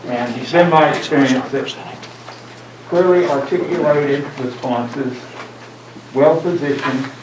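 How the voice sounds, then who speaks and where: An American man speaking through a face mask as a commission chairman, deliberately and loud enough to be heard as he opens a formal meeting. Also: medium pitch. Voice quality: slightly muffled by a face mask. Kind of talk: formal meeting opening remarks. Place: indoor public meeting room. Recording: distant mic, echoey room, clear noise.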